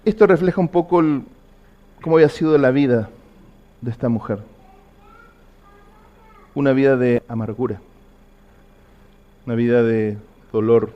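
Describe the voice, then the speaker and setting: A man's voice: mid-range voice, unhurried, pauses often, muffled recording. A man preaching a sermon, earnestly asking the congregation repeated personal questions. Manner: earnest, repetitive questions to the listener.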